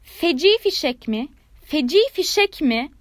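A woman's voice: animated, measured pace, dry recording. A woman voicing a conceited, self-important firework rocket in a storybook, speaking in a haughty, indignant way. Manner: haughty, indignant, high and loud.

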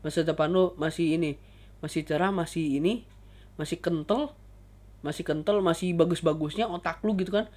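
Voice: medium pitch, fairly even intonation, moderate pace, darkish tone. A vlogger delivering a casual, ranting monologue straight to the camera. The talk is blunt and full of crude street slang. Words often stumble and restart mid-phrase.

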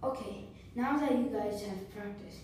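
A young woman hosts her own casual tutorial podcast, teaching beatboxing basics in a chatty, repetitive way and correcting herself as she goes. Her voice is mid-range, measured, and a little mellow, recorded far from the mic in an echoey room with faint noise.

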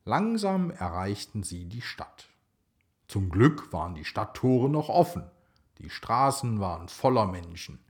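A man narrating a children's story in a slow, expressive way. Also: lowish voice.

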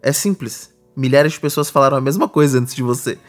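A man's voice: mid-range voice, fairly quick, faint music behind. A man with a Brazilian Portuguese accent, co-hosting a podcast and patiently explaining ideas with everyday examples. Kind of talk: casual explanatory chat.

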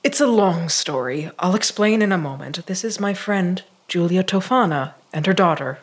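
An actress playing a brisk, practical woman who takes charge. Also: fairly low pitch, animated. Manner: brisk and commanding. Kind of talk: audio drama acting.

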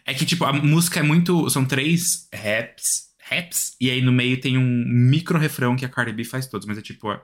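A man's voice: mid-range voice, moderate pace, few pauses. Hesitant Brazilian-Portuguese-speaking man. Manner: hesitant, rambling with restarts. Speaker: podcast co-host. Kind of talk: casual music chat.

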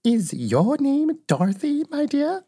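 A woman voicing a kindly, solemn little old witch in a storybook reading, giving slow, gentle, earnest counsel. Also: sits high, very animated, pitched above the performer's own voice, full character voice. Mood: gentle, assured. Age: older.

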